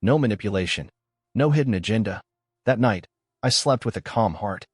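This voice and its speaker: A man narrating a first-person story in a calm, measured, scripted way. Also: on the low side, slightly rough, no echo, clean studio sound.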